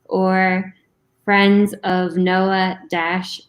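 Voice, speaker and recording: A woman's voice: mid-range voice, little pitch movement, drawn-out words. A woman co-hosting a live online bingo event, chatting casually with players and her partner.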